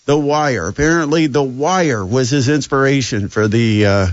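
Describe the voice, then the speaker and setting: A man's voice: mid-range voice, moderate pace, dry recording, highs cut off. A man hosting a sports radio show, talking casually with sarcasm and plenty of fillers. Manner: sarcastic, chatty, lots of fillers.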